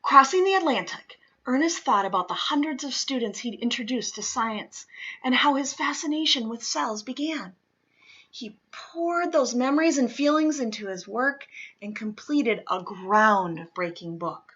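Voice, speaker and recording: This read-aloud comes from a woman whose voice is fairly high and noticeably bright, sharing a nonfiction picture book with children in an animated way. She takes her phrasing slowly and deliberately, emphasizing important words for the little ones, over a slightly muffled, lo-fi recording.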